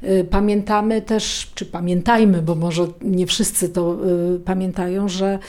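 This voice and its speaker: Mellow-voiced woman interviewer. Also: mid-range voice, flat delivery, measured pace. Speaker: interviewer, host. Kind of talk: casual interview.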